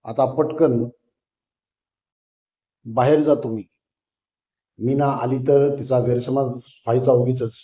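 A man voicing a flustered young married woman who speaks in a pleading, hurried way. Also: medium pitch, steady tone, dark tone, natural voice. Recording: roomy, dull lo-fi recording.

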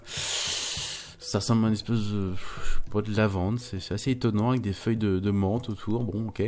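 A man's voice: fairly low pitch, steady tone, moderate pace, a little mellow. A man giving casual let's-play commentary, chatty and stumbling, reading game text aloud and swearing lightly. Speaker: gaming YouTuber.

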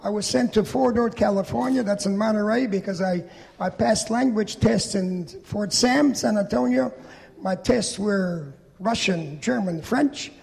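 Speaking slightly slowly in a high voice with vocal fry, an elderly man from Poland, now in his 80s, shares his testimony as a Holocaust survivor. He tells his story steadily and simply into a handheld microphone, gesturing before a crowd in a large, echoing church hall.

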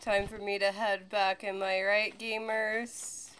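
A woman streaming a game, talking casually and excitably to friends. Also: mid-range voice, takes it slowly, slight background noise, rough recording. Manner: excitable, swings to loud yelling. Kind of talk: casual gameplay chat.

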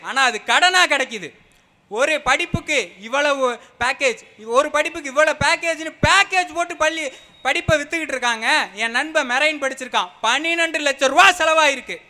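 A young adult man, a party speaker at a public meeting, delivers a fiery, emphatic political speech that blends slang with formal phrasing. His voice is very high, bright and forceful.

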